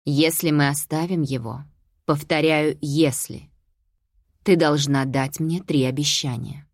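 A woman's voice: low-pitched, fairly even intonation, no room sound, clean studio sound. A woman reading an audiobook, voicing a mother who speaks firmly and lays down strict conditions. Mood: stern. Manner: firm, measured, warning. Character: stern protective mother.

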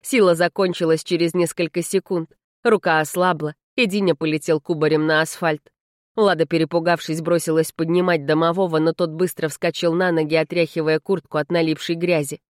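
A woman narrating a fantasy audiobook in a measured, even way. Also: deep voice, no room sound, clean studio sound. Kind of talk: scripted narration.

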